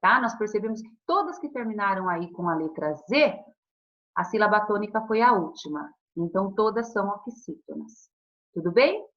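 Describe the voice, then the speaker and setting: A Brazilian woman teaching children in a recorded online lesson, her pitch rising and falling with animation. She speaks patiently and affectionately and draws words out slowly, and the sound is dull and lo-fi. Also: animated, a bit bright. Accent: Brazilian Portuguese. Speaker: primary school teacher.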